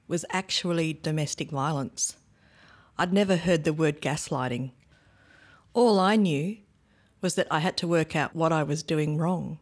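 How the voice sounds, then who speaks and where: A low-pitched woman narrates a dramatic first-person story. She reads in a measured, reflective voice, letting each memory settle before moving on. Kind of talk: scripted dramatic story reading.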